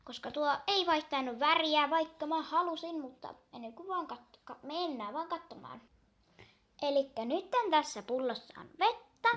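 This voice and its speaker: A young girl chatting casually while unboxing a toy, gushing and excitable, counting down aloud. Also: high-pitched.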